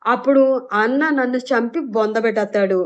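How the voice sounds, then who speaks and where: Woman doing a loud simple village henchman. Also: a little high, brisk, natural voice. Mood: shouting rustic. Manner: rustic dialect, shouting, naive. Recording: dull lo-fi recording.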